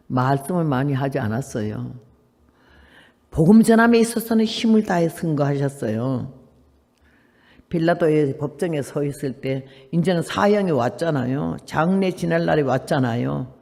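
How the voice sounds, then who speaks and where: A woman in her eighties, a missionary preacher, giving an animated sermon that acts out dialogue and presses emphatic rhetorical questions. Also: sits low, moderate pace, vocal fry. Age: 80s. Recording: long hall reverb.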